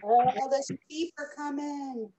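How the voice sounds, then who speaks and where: A woman's voice: high voice, fairly even intonation, slow, warm tone, slight background noise. A woman hosting a children's story time, chatting casually and praising the young reader as she echoes words back playfully. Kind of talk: casual chat during a children's read-aloud.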